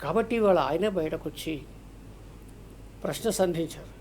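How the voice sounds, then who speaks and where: A man's voice: on the high side, moderate pace, darkish tone, slight background noise. A man arguing his point as a political commentator on a televised debate, emphatic and argumentative, stopping now and then to tell a parable. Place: TV news studio or remote link.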